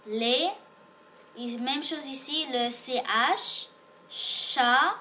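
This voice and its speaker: Extremely slow and sitting high, this French reading teacher's voice comes across pushed and bright over slight background noise. She's teaching beginners to read, sounding out letters and patiently repeating each word.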